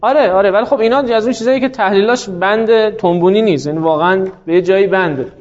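A man's voice: sits high, darkish tone. A man teaching a grammar class, explaining patiently, quizzing his students and drawing out the words he quotes. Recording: muffled lo-fi classroom recording.

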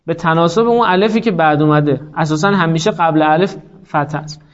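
Higher-voiced male teacher lecturing. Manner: explains patiently, quizzes students, stretches quoted words. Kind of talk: classroom lecture on grammar. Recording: muffled lo-fi classroom recording.

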